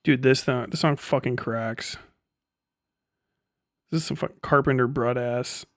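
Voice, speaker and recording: A livestream host with a medium-pitched, fairly even voice speaks at a measured pace, rambling and swearing as he chats with viewers and replies to their messages. The studio-clean recording has no room sound, with guitar playing and music behind his voice.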